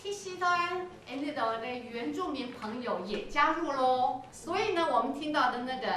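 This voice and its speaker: A woman choir teacher coaching singers in rehearsal, energetic and coaxing, sometimes singing a phrase to show how it goes. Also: high-pitched, normal speed, slight background noise. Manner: energetic, coaxing, breaks into sung demonstrations. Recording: echoey hall, voice from far off.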